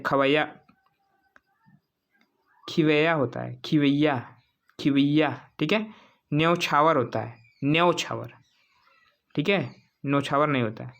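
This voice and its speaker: A mid-range voice, recorded with a muffled sound, belongs to a teacher going through exam spelling questions. She poses each one to viewers, then answers it, saying every word several times in this quiz-style exam prep.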